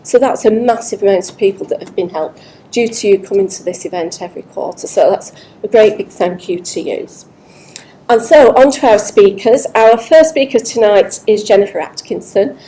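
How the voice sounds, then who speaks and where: A woman's voice: mid-range voice, normal speed, mellow, rough recording. A woman hosting a networking event, introducing the guest speaker in an upbeat, grateful way. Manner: upbeat, grateful, lots of big thank-yous. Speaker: event host and interviewer.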